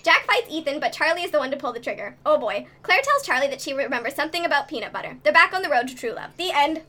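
A woman podcast co-host reading a quick episode recap with snarky, playful asides. Her voice is sped up so it sounds like a chipmunk. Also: sits high, very animated, bright, forceful tone.

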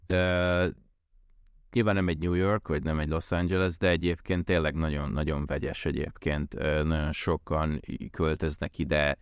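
A man's voice: a bass voice, fairly even intonation, smooth, dry recording, clean studio sound. A man from Hungary talking casually as an interview guest, often rephrasing and circling back mid-sentence. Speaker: podcast guest, tech worker who moved abroad.

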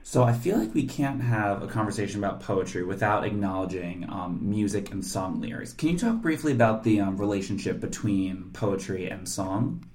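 A man's voice: fairly low pitch, normal speed, few pauses, a little mellow, roomy sound. A man hosting an interview, curious and brief, asking about poetry. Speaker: interviewer host. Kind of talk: conversational interview.

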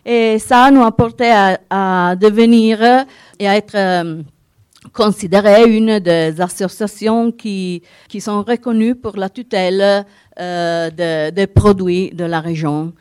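A woman with a noticeable Italian accent gives a presentation as a non-native speaker. Her delivery is slow and hesitant as she hunts for words. The voice is smooth and clear, captured close and dry. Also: mid-range voice, fairly even intonation, darkish tone, no room sound. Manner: halting, searching for words in non-native French. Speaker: winegrowers' association representative giving a talk. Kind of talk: conference presentation.

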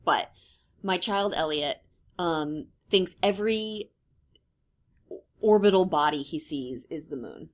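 A podcast co-host in her thirties chats casually in a lower-pitched voice that slips into vocal fry. She speaks slowly and thoughtfully, hesitating with many ums and pausing often.

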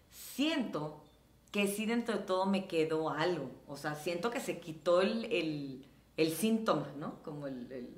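Mexican woman, middle-aged, low voice, animated storytelling, echoey room. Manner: animated, acts out quoted dialogue. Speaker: guest. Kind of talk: casual interview storytelling.

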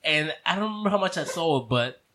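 A young man with a Mexican accent, trading jokes with his friends on a podcast. His voice sits a little high for a man. He talks in a loose, profane, playful way and laughs often. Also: animated, fast, pushed and bright, a little hiss or hum. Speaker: podcast co-host. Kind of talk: casual chat among friends.

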